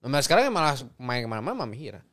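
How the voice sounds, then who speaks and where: A man's voice: mid-range voice, sing-song, racing, fairly bright tone. A young man, a guest actor in casual chat who laughs, fumbles and repeats himself.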